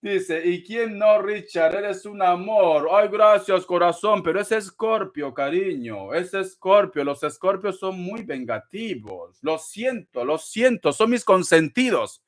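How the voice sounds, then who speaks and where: A man's voice: high voice, animated, takes it slowly, hardly any pauses. A man doing a live tarot reading, theatrical and teasing, calling viewers darling and laughing often. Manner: laughs often between phrases. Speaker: tarot reader.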